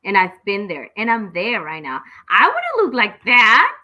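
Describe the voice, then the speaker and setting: A woman's voice: mid-range voice, huge pitch swings, moderate pace, pushed and bright, lo-fi sound. A woman hosting an interview, chatty and enthusiastic, reacting with exclamations and talking openly about her own goals. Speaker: host. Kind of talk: casual interview chat.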